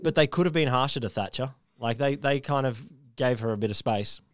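An Australian man co-hosting a casual podcast chat, laughing easily and often restarting his sentences. His voice sits at an average pitch for a man. It is recorded close and dry, with almost no room sound. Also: a little fast, no echo. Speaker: podcast co-host.

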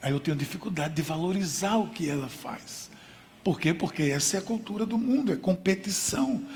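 A man's voice: high voice, lively intonation, brisk, darkish tone, slight background noise. A man preaching a sermon with emphasis, using contrasts and rhetorical questions. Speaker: pastor. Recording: long hall reverb.

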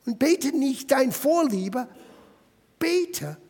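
A man's voice: high-pitched, very animated, slow, creaky, husky, long reverb tail. A man preaching a sermon as pastor, emphatic and addressing the listeners directly.

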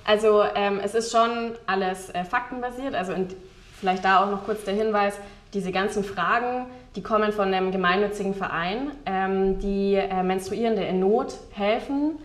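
A woman's voice: medium pitch, normal speed, reverberant. A woman guest in a casual interview, rambling with many fillers and frequent laughs. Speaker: guest, game developer.

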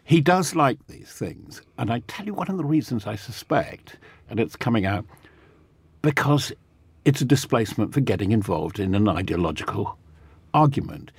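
A man's voice: mid-range voice, sing-song, moderate pace, breathy edge, no room sound. An older man, a guest commentator, rambling through political talk with chuckles.

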